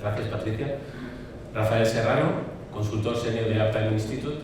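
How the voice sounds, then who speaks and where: A man's voice: fairly low pitch, steady tone, normal speed. A man with an accent from Spain moderating a panel, introducing speakers and asking questions, hesitating as he searches for words. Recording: very echoey hall, distant, noisy.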